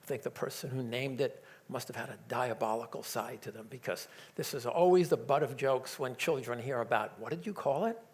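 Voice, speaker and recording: A man's voice: mid-range voice, brisk, few pauses. A man giving a public science talk, enthusiastic and joking, with frequent hesitations. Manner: enthusiastic, joking, with many fillers. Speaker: lecturer.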